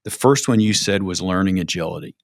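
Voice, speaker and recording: A man's voice: deep voice, brisk, no room sound, studio quality. A man hosting a business podcast, reflecting on what his guest said and asking follow-up questions. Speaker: podcast host. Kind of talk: interview hosting.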